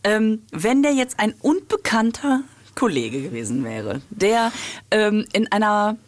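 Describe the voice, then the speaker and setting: A woman's voice: mid-range voice, sing-song, measured pace, dry recording. A woman co-hosting a podcast in casual, playful chat, laughing often. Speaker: podcast co-host.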